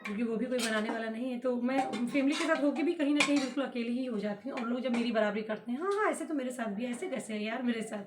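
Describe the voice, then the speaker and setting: A young woman talks straight to her phone camera in a casual vlog, sounding tired and feverish as she grumbles through her day's chores. Her voice sits fairly high. Faint background noise runs under it. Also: steady tone, fast, hardly any pauses. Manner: tired, complaining, talking through daily chores. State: feverish and worn out. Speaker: vlogger.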